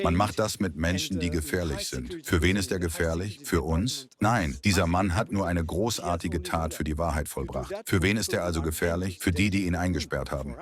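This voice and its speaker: Low voice, French accent, emphatic man, crowd chatter. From France. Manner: emphatic, rhetorical questions. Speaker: alternative media reporter. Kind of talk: street interview.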